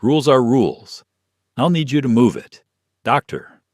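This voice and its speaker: A man voicing a smug male flight crew chief whose polished charm turns to quiet threat, in an audio story. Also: mid-range voice, animated, moderate pace, no echo, studio quality, pitched above the performer's own voice, lightly acted. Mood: falsely polite. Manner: falsely charming, hardening to threat.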